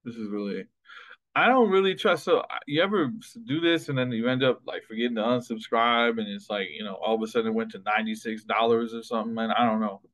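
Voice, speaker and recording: A man's voice: lowish voice, steady tone, fast, few pauses, a bit bright, poor audio. A man teaching an introductory linguistics class, lecturing casually and thinking aloud with many fillers and restarts. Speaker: linguistics instructor.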